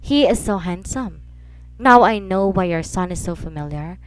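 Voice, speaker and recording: A woman voicing a cold, serious young man who speaks flatly and gravely. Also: fairly low pitch, unhurried, rough recording. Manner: flat, grave delivery.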